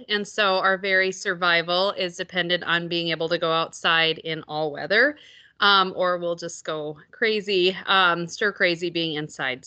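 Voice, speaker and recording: A woman's voice: medium pitch, sharp tone. A woman introducing herself on a video call, chatty and friendly, with many fillers. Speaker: compliance specialist. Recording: dull lo-fi audio.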